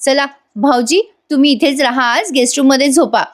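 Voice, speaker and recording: A woman voicing a young wife who gently scolds and teases her husband, in a recap voice-over. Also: sits high, a little fast, voice pushed up, close to an everyday voice. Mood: teasing. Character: young wife, sweetly lecturing. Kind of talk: recap voice-over reading of a soap scene.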